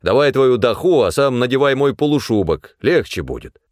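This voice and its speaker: A man's voice: mid-range voice, very animated, normal speed, a little mellow, dry recording, studio quality, pitched above the performer's own voice, lightly acted. A man voicing a terse, tough male worker who gives short, threatening orders. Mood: stern. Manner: curt, threatening.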